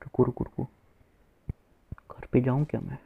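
A man's voice: mid-range voice, steady tone, moderate pace, creaky, phone-quality sound, very noisy. Boastful man streaming a shooter game. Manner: playful boastful banter to viewers. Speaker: gaming streamer. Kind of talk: live gameplay commentary.

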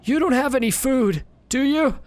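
Man putting on a sickly old beggar man, high strained voice, gruff and prodding, swings up and down. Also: big pitch swings, a little slow, heavily acted. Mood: mournful. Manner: gruff, prodding, then mournful. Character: ragged old sickly beggar man posing as city guard.

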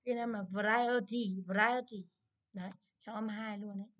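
A woman English teacher with a Vietnamese accent, going through an exam in a brisk review lesson and asking many checking questions. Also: medium pitch, level tone, a little mellow.

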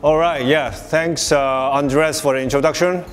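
A man from Hong Kong giving a presentation talk in a small room, measured and pausing often. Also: on the high side, steady tone, music in the background. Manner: plain and measured, with many filler pauses. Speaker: guest speaker. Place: small meeting room with projector.

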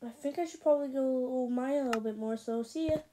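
A gaming video host gives casual let's play commentary, rambling and thinking aloud to her viewers. Her high-pitched voice is fast, with background noise and background music behind her.

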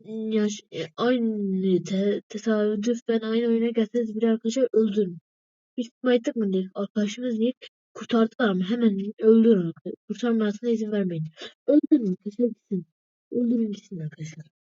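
Chatty woman, high voice, lo-fi gameplay commentary. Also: steady tone, a little fast, mellow, dry recording. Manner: chatty, keeps addressing viewers as friends. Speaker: gaming video maker. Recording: dull lo-fi dry recording.

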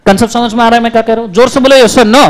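A man lecturing a classroom on law in energetic Hindi with terms, often calling on students to answer aloud. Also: very high voice, racing.

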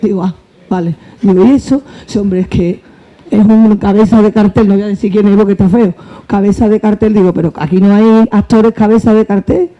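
Heard in lo-fi sound, a woman with a mid-range voice and an Andalusian accent, an actress and comedian, tells stories on a panel in a book fair hall. She laughs along, stays expressive, and performs the dialogue.

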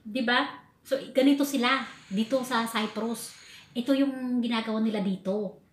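A woman from the Philippines telling a food story in a casual vlog, animated and laughing as she talks. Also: a little high, moderate pace. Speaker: vlogger. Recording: echoey room with faint ambient noise.

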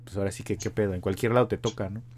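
Mexican male podcast co-host, 30s, low-pitched, easygoing banter. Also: racing. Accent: Mexican Spanish. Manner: relaxed, joking, reads listener comments aloud. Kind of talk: casual chat.

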